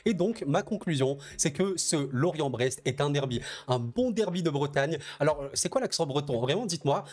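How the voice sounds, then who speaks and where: Animated French man repeating words for emphasis. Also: a little high, moderate pace. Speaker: football predictions YouTuber. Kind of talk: casual spoken commentary to viewers.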